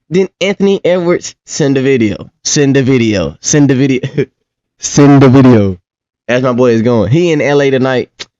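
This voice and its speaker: A man's voice: medium pitch, darkish tone, no echo, muffled recording. A man from the United States hosting a reaction video, talking in a loose, joking, slangy way. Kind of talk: casual reaction commentary.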